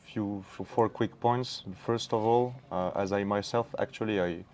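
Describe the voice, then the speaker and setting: Moroccan-raised male guest, lowish pitch, friendly and methodical. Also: fairly even intonation, moderate pace, a little mellow, a little hiss or hum. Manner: friendly, lists points, frequent "like". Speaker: embassy education officer, guest. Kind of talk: talk show interview.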